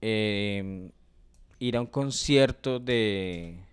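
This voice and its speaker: A man in casual chat, talking haltingly with restarts and slang. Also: on the low side, smooth.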